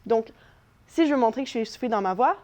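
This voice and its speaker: A young woman, a drama teacher, gives a children's voice lesson in her living room, cheering the kids on and demonstrating vocal exercises. Her voice is a little high and a little mellow, and she speaks fast and expressively.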